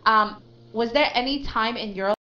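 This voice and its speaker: A woman's voice: fairly high pitch, moderate pace, bright, forceful tone. A woman teaching an online English lesson, patiently correcting a student's pronunciation. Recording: slightly dull lo-fi online audio.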